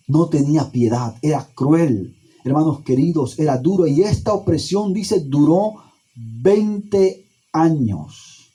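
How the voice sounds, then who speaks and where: Male pastor delivering a sermon: dark, husky voice, emphatic pauses, repeats phrases. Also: medium pitch, rough recording. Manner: preaching with emphatic pauses and repetition.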